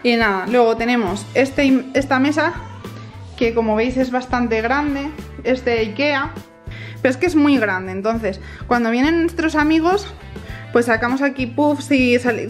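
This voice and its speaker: A woman's voice: fairly high pitch, normal speed, faint music behind. A young woman in her twenties giving a chatty, casual tour of her apartment, filmed on a handheld camera. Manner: chatty, addresses viewers directly. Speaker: vlogger giving a house tour. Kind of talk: casual house tour narration. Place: small apartment living room, indoors.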